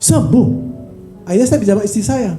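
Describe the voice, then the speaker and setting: A man preaching as a pastor, telling his testimony in an animated, casual way, with slangy speech. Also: high voice, moderate pace. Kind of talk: testimony sermon. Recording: echoey hall, faint instrument music.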